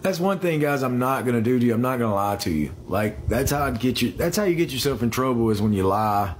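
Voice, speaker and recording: This is a casual live chat: a 38-year-old man talks to viewers directly on a phone livestream, phone held close, in a small room. He talks fast with lively intonation at a medium pitch, hesitating and repeating himself along the way. A little hiss or hum sits under the audio.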